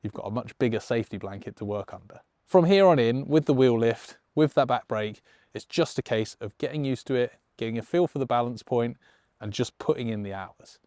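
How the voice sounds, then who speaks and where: A man's voice: medium pitch, lively intonation, fairly quick, darkish tone, dry recording. Enthusiastic man teaching riding. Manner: enthusiastic, encouraging and conversational. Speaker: motorcycle riding instructor and show presenter. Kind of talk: explanatory tutorial.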